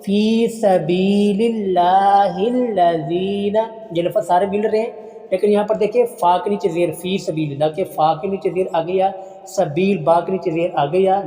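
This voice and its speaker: A male Quran teacher with a Pakistani Urdu accent works through a lesson, chanting each phrase in slow, drawn-out syllables before correcting the pronunciation plainly. His voice is dark and mellow. The recording rings in an echoey room with long reverb. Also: high-pitched. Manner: drawn-out, slowed recitation of each phrase, then calm correction. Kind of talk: slow tajweed lesson, reciting then explaining.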